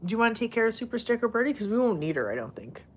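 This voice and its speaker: A woman hosts a casual live stream, chatting with viewers and cooing giggly, playful baby-talk at her cats. Her fairly high voice swings widely in pitch and comes out rapid-fire as she laughs often and rambles with fillers, all while she's losing her voice.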